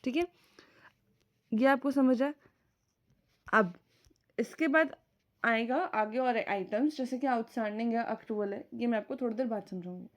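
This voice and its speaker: Her pitch is fairly high and her speed normal, broken by long pauses. Teaching accounting in a recorded lecture, she explains each step and repeatedly checks that students keep up, blending English terms into Hindi speech.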